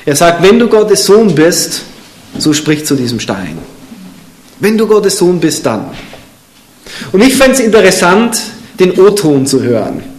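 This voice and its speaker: A man preaching a sermon, reading scripture aloud and putting questions directly to his listeners. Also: medium pitch. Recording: echoey room.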